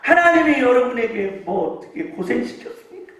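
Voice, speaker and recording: A man's voice: very high voice, very animated, a little fast, fairly bright tone. A male pastor preaching a fervent sermon, firing rhetorical questions and leading the congregation in call-and-response. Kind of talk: impassioned sermon. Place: church sanctuary. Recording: very echoey hall, mic far off.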